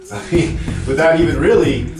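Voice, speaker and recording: A man's voice: a little high, animated, normal speed, gravelly. A man co-hosting a casual sports debate, giving long-winded, hedging analysis in a rambling way. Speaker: sports podcast co-host. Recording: roomy, distant mic with music behind. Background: music.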